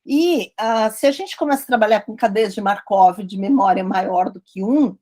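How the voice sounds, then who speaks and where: A woman's voice: medium pitch, normal speed, dark tone. A woman lecturing on statistics, explaining step by step and often checking in with her listeners. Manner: explanatory, repeats points with frequent "né?" checks. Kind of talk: academic lecture.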